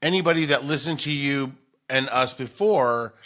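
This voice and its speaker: A middle-aged podcast host from Denver, United States, speaks at normal speed with a medium pitch and a fairly bright tone. The talk is a casual chat, rambling and story-driven.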